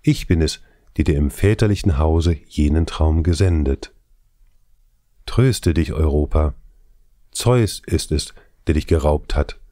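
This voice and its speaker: A male audiobook reader voicing a serene, smiling goddess of love in a calm, consoling, measured way. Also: extremely low pitch, no room sound, studio quality. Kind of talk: scripted audiobook reading.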